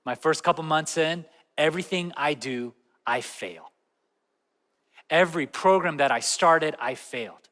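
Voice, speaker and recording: Young male pastor, conversational sermon, bright voice, echoey hall. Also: a little high, lively intonation, measured pace. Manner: conversational, asks the audience questions. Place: large church auditorium.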